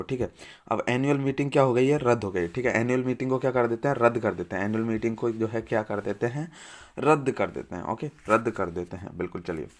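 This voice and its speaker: A young man leads an English vocabulary class in Hindi, his voice sitting at an ordinary middle pitch. He says each word again and again and keeps asking the class what it means, then gives the answer himself. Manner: repeats each word and asks quiz-style questions. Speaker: teacher. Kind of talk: vocabulary lesson.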